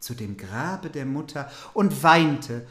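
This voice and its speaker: A podcast host reads an old fairy tale in a middle-pitched voice, stopping now and then to ask mock-naive questions about old words. The voice carries a roomy echo. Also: expressive, slow, a bit bright. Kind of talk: comic fairy-tale reading and chat.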